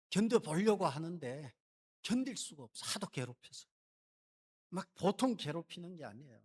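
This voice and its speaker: A man preaching a sermon as pastor of a church, animated and dramatic, acting out voices as he tells the story. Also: sits high. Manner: animated, acts out quoted voices and mutters. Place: church sanctuary.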